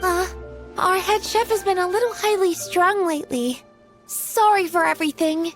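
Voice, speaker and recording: An actress playing a polite young restaurant staffer in a game, speaking in a courteous, apologetic way. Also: female voice, very high voice, moderate pace, soft background music.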